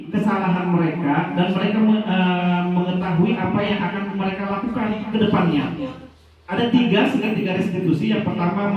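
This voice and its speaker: A man with a fairly high voice teaches in a loose, chatty way and acts out student dialogues as he goes. He sounds far from the mic, with strong room echo all around him. The sound is dull. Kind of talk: informal lecture with acted classroom examples.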